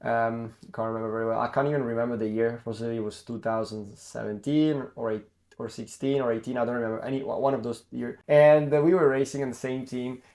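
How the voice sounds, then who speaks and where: Young adult male, ex-racer vlogging; casual, animated storytelling with frequent self-corrections. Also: medium pitch, fast. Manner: lively anecdote-telling, acts out quoted dialogue. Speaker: former racing driver and karting coach.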